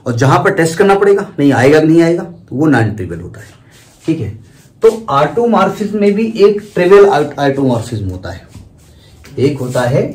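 Math teacher, male, somewhat high voice, patient step-by-step lecturing, heard from afar in an echoey classroom. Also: darkish tone. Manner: explains step by step, repeats terms, asks the class questions. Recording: echoey room from far off, faint noise.

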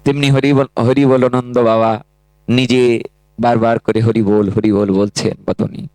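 Slow, smooth-voiced male devotional preacher. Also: medium pitch, little pitch movement, a little mellow, no room sound, rough recording. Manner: drawn-out chanting delivery, dramatic voicing of quoted characters; addresses the women listeners directly. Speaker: Bhagavata reciter. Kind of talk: devotional storytelling sermon with sung verses.

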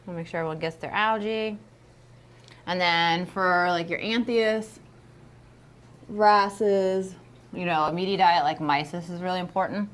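In an aquarium studio, a woman co-hosts a casual livestream, upbeat and chatty with lots of fillers as she demonstrates something. Her voice is on the low side and a bit bright, with a steady tone, a measured pace, and frequent pauses.

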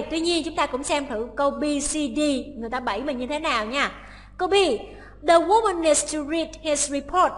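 Bright high-voiced woman teacher. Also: in a large hall. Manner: explains step by step, switching to read English lines. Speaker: English teacher. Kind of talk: exam-prep lesson.

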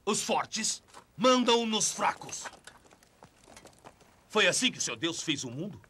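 An actor playing a menacing dark lord, a tyrannical warlord, with a husky Brazilian Portuguese voice in a domineering, taunting film-dub delivery. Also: male voice, high voice, very animated, slow, a little hiss or hum, exaggerated voice. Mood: mocking. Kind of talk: dubbed film drama acting.

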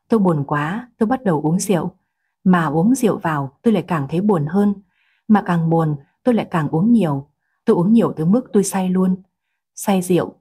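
A woman narrating a first-person story in a calm, even storytelling manner. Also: on the low side, slightly rough.

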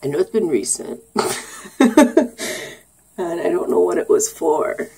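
Young woman vlogger, low mellow husky voice, giggly and rambling, sarcastic. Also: lively intonation, slow, rough recording. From Canada. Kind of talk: casual get-to-know-me vlog.

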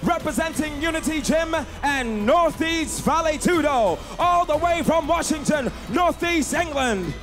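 A man in his thirties works as a boxing ring announcer in the cage of a large indoor fight arena, booming and theatrical as he draws out the fighters' names. His intonation is lively and his tone fairly bright. His handheld mic runs through an echoey arena PA, with crowd noise and music.

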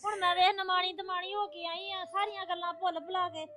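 A woman's voice: extremely high pitch, level tone, fairly quick, bright, forceful tone. A woman playing a remorseful sister pleading with her family, in an emotional, begging manner. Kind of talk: Punjabi family drama acting.

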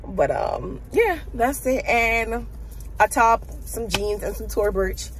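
A woman's voice: fairly high pitch, takes it slowly, poor audio. A young woman, a new nurse, chatting casually to her viewers from a car and calling them y'all. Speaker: vlogger and new graduate nurse. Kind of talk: casual vlog chat.

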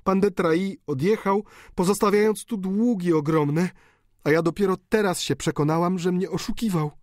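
A male audiobook reader voicing a remorseful, despairing countess in a high, pleading voice. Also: moderate pace, darkish tone, dry recording, clean studio sound, close to an everyday voice. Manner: pleading, anguished, high-pitched. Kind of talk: audiobook character reading.

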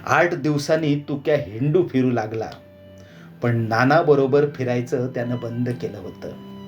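A male storyteller reads a folk tale in a measured, dramatic manner. He takes his time and lets each sentence settle. Faint instrumental music sits under his voice. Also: mid-range voice. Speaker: storyteller and channel host. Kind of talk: storybook narration. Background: faint background music.

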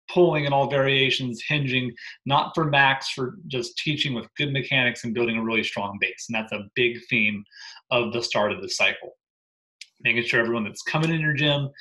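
A man in his thirties, a gym programming coach, briefing gym owners from a living room on his laptop webcam, emphatic and energetic with frequent "right?" asides. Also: mid-range voice, low-quality recording.

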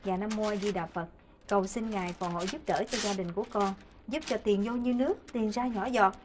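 An actress playing a nagging, devout housewife in a stage comedy sketch. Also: female voice, mid-range voice, steady tone, brisk, background noise, lightly acted. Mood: praying. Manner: nagging, then hushed prayerful murmur.

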